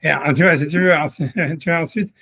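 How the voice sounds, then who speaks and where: A man's voice: on the high side, a little fast, bright, forceful tone, breathy edge, dry recording. A man giving an informal Torah lesson, rambling with many fillers and restarts as he speaks to a listener directly. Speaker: rabbi teaching a class.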